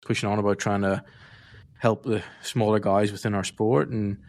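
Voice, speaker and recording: Male co-host, low gravelly voice, relaxed teasing banter, dry close sound. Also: moderate pace, no room sound. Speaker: podcast co-host. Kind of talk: casual sports chat.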